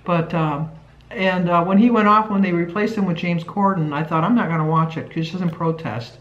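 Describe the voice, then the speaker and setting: A woman's voice: fairly low pitch, moderate pace. A woman in her sixties chatting casually on a home vlog, rambling with lots of fillers. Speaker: vlog co-host. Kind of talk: casual chat. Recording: roomy, dull lo-fi sound.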